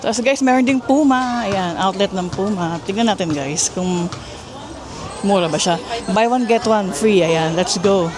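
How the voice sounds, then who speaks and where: A Filipino woman with a mid-range, unhurried voice chats casually with her viewers while walking through a busy outdoor mall, filmed on a handheld phone with rough audio. It's a casual walking vlog and mall tour where she keeps calling her audience "guys" and raises her voice to be heard over the crowd.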